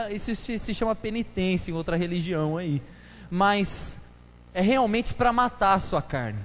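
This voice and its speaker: A pastor preaching a casual, joking sermon full of slang, chatting with his congregation during a live church service. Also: high-pitched. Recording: live church hall reverb, faint noise.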